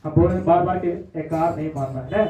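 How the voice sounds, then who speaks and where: A man's voice: a little high, quick pace, mellow. Male teacher, echoey and tinny. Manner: repetitive, checks in with "है ना?". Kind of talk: classroom lesson. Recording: echoey, far-off, phone-like audio.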